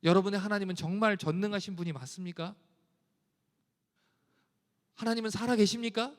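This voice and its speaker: A man with a high, bright-pitched voice delivers an earnest sermon in a church sanctuary. His words ring out with a long, lingering reverb from the hall. He recites scripture with rising force. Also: a little fast. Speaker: pastor.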